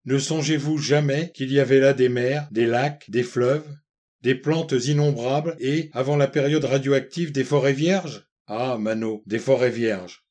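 Picture an earnest man, wrapped up in his people's future, pleading with feeling in a storybook reading, as a male narrator voices him. The voice sits at an ordinary male pitch, plain and unhurried. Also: a little mellow, lightly acted. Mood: longing. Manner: impassioned, pleading.

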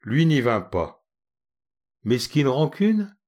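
A man reading a literary short story aloud with an expressive, ironic manner. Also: medium pitch, slow pace, dull audio. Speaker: narrator.

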